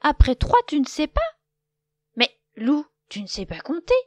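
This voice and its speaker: A woman voicing a calm, unhurried cow with a drawl, in a children's storybook reading. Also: medium pitch, no room sound. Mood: amused. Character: calm slow-spoken cow.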